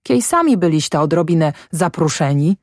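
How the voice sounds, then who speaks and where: A woman's voice: low-pitched, very animated, normal speed, darkish tone, dry recording, clean studio sound. A woman reading aloud, voicing a sick and bewildered male farmhand who pleads his innocence. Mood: pleading.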